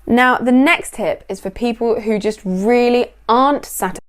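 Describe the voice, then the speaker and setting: A woman's voice: on the high side, moderate pace, smooth. A woman speaking to camera as a teacher, chatty and laughing lightly between points. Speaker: English teacher. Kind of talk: direct-to-camera lesson.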